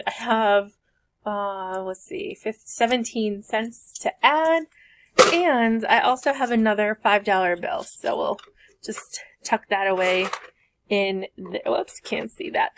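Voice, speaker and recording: Woman, middle-aged, teacher, budgeting vlog, casual rambling chat, slightly high voice. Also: steady tone, a little slow, a little hiss or hum. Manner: chatty, rambling, thinks aloud. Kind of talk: casual chat while doing savings challenges.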